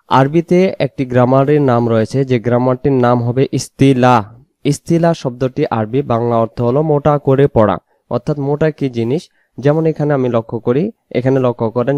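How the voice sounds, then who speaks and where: A man from Bangladesh, speaking Bengali with a Bangladeshi accent, teaches how to pronounce Arabic letters for Quran recitation, slowly repeating each sound. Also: mid-range voice, mellow, dry recording, clean studio sound. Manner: slow, repetitive drilling of letter sounds; sometimes sings out the letters. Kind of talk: spoken tutorial on Arabic letter pronunciation.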